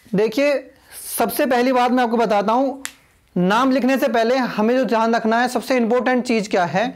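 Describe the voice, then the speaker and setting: A man teaching a video lesson, explaining patiently and repeating himself, spelling names out letter by letter. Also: very high-pitched.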